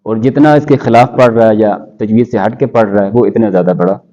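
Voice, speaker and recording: Measured man teaching Quran recitation. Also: on the low side, dark tone, muffled recording. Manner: measured, citing scholars with Arabic quotations. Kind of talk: scholarly interview answers.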